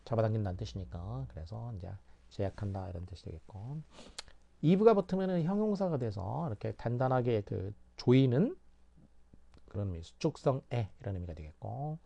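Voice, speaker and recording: A man's voice: on the low side, lively intonation, moderate pace, creaky, mellow, dull audio. A man teaching English vocabulary through word roots, explaining at length and repeating key words with many fillers.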